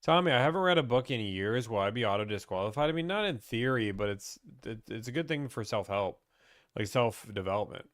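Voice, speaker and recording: A man's voice: medium pitch, lively intonation, a little fast, fairly bright tone, no echo, studio quality. A young man from Pittsburgh, chatting casually as he reads and answers viewer questions about car buying on a live stream.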